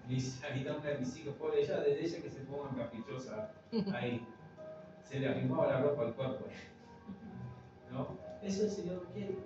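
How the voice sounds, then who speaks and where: Older male pastor, conversational sermon, slightly high voice, distant mic in a boomy room. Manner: conversational preaching, frequent tag questions to the congregation. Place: congregation's meeting room. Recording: very echoey room, distant mic, dull, noisy.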